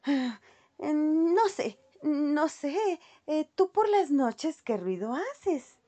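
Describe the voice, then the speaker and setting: Woman doing a fussy, easily scared little girl mouse, high and squealing, for a children's storybook reading. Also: very animated, warm tone, heavily acted. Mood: hesitant. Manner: high squealing voice, drawn-out worried hesitations.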